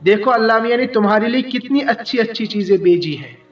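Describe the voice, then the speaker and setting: A man voicing a kindly old man in a children's audiobook, speaking warmly and briskly. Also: high voice, animated, roomy sound, far from the mic, dull audio.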